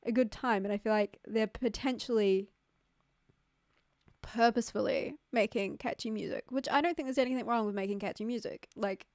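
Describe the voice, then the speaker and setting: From a home streaming setup in Queensland, a young woman with a New Zealand accent reads out viewer messages in casual, chatty livestream talk, laughing readily and saying "like" and "um" a lot. Her voice is highish and darkish at a moderate pace, captured cleanly by a close studio mic without room sound.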